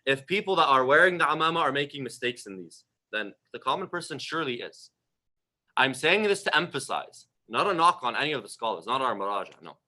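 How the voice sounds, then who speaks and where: A man's voice: medium pitch, sing-song, fairly quick, pushed and bright. A man giving a religious lecture, direct and emphatic, full of rhetorical questions aimed at his listeners. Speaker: religious teacher.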